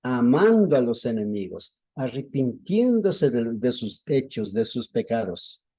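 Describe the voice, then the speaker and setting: This is a man's sermon to a small group of worshippers: measured, deliberate storytelling marked by animated shifts in pitch.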